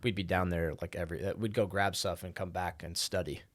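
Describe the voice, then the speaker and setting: A man's voice: low-pitched, fairly even intonation, fairly quick, no echo. A young man co-hosting a podcast, chatting casually and animatedly, acting out the voices of people in his stories and laughing often. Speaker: podcast co-host. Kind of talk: casual conversation.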